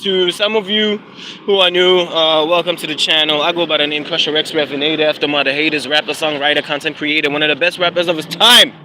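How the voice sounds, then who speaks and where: A man's voice: on the high side, fairly even intonation, fast talker, noisy background. Slangy South African man streaming outdoors. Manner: rambling, slangy, apologetic about glitches. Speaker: rapper and vlogger. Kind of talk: casual live-stream chat. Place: outdoors on a neighborhood street. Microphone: phone.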